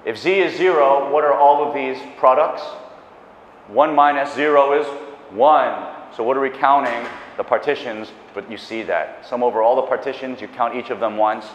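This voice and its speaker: A middle-aged man delivers a public math lecture in a lecture hall on a lapel mic, his medium-pitched voice at a normal speed with a little hiss or hum. Enthusiastic and chatty, he paces the stage with animated gestures, adding asides and correcting himself. The recording sounds dull and echoey.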